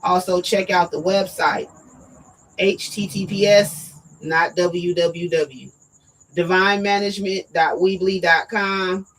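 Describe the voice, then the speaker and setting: A woman hosting a live talk show, talking directly and emphatically to her viewers, her voice going hoarse. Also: fairly low pitch, fairly even intonation, slow, a bit bright, a little hiss or hum, poor audio. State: losing her voice. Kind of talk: casual live-stream talk.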